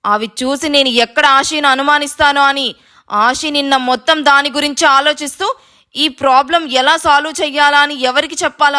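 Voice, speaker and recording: Storybook villain: a woman playing a ruthless rich man, menacing, commanding, bright tone. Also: sits high.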